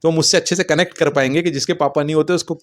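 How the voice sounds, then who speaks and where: A man giving a personal testimony in an animated way, acting out the dialogue. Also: on the high side, rapid-fire. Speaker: testimony speaker.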